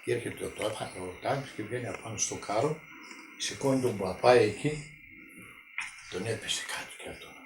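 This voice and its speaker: A man, telling his wartime memories in a halting, repetitive way during an oral history interview at home. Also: on the low side. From Greece. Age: 90s. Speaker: witness interviewee. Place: village home indoors. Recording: echoey room with faint noise.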